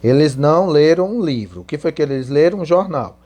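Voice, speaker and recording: A man's voice: on the high side, lively intonation, brisk, mellow. A man teaching English in Portuguese, spelling out English answers word by word and then translating them. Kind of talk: slow classroom explanation.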